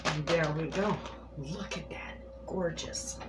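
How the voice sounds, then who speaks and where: Low-pitched and unhurried, a homesteading cooking vlogger chats to her audience while preparing food in her own kitchen. It's a laid-back demonstration delivered in a homey, direct style. The room sounds echoey, with distinct background noise.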